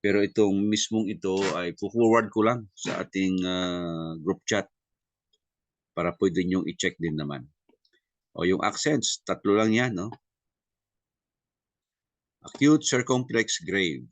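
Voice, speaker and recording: Man teaching, very low voice, unhurried, many fillers, dry recording. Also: dry recording. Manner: Tagalog-English mix, many fillers and tag questions; spells out sounds slowly and deliberately. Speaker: Greek class teacher. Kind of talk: classroom lesson review.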